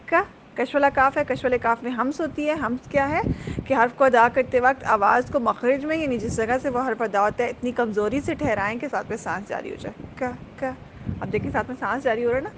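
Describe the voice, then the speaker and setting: A woman teaching Quran recitation, explaining letter sounds patiently and repeating them slowly. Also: fairly high pitch, slight background noise.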